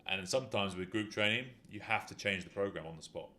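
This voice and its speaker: Man, deep voice, forceful tone, chatty, rambling fitness host. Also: quick pace. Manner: rambling, explanatory, many "you know" fillers. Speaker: fitness talk show host, injury rehab specialist. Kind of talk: casual chat.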